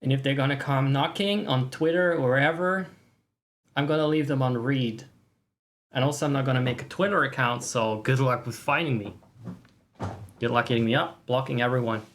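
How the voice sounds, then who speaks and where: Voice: mid-range voice, moderate pace. Sarcastic, mock-boastful livestreamer with mid-range voice. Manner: profane. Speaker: livestream host. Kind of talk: casual chat to stream viewers.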